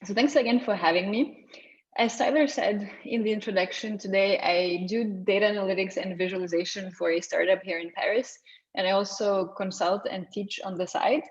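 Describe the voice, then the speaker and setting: A woman's voice: mid-range voice, steady tone, normal speed. Young woman from Lithuania, conversational, restarts often, slightly dull video call audio. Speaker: guest speaker. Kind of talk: online meetup talk.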